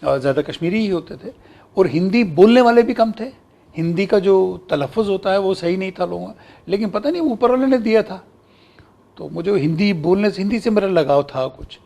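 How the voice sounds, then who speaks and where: A middle-aged man speaks in a high voice with a gravelly grain. He reminisces in a relaxed interview and slips into the other voices of his stories. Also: normal speed. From Kashmir, India. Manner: animated storytelling, acts out quoted exchanges. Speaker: guest actor and broadcaster.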